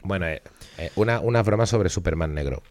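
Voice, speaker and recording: A man's voice: low-pitched, expressive, brisk, a little mellow. A man from co-hosting a casual comedy podcast, laid-back and defensive, often trailing off into mumbles. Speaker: podcast co-host.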